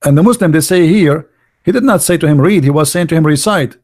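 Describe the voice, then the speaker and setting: A middle-aged man hosts a live religious debate podcast, his voice a little high, fast and slightly mellow. He mocks and needles sarcastically in heavily accented, broken English.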